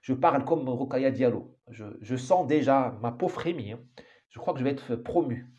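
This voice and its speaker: A man's voice: medium pitch, normal speed, a little mellow. A man giving an opinionated monologue as an author, emphatic and full of restarts and repeated words. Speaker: author commenting on society.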